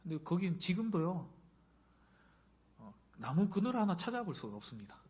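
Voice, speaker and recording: Conversational Korean pastor preaching. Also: male voice, high-pitched, very animated, moderate pace, darkish tone. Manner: conversational, asks the congregation questions. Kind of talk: sermon.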